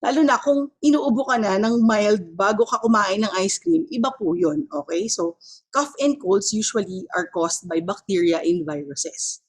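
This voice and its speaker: A woman's voice: medium pitch, animated, moderate pace, slightly rough. A woman with a Filipino accent giving an explanatory health talk, mixing Filipino and English and often checking in with her listeners. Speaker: health educator.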